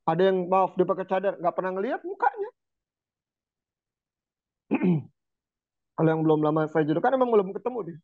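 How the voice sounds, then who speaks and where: A man preaching in a relaxed, chatty way, telling stories with lively turns and chanting verses slowly. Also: high voice, dry recording. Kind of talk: casual religious talk. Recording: tinny phone-like sound.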